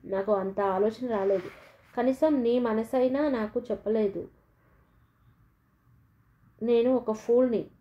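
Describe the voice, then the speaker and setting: A man's voice: extremely high pitch, steady tone, slow pace, pauses often. A woman voicing a loving, hot-tempered young husband who pleads emotionally with his wife. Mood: pleading. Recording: dull lo-fi recording.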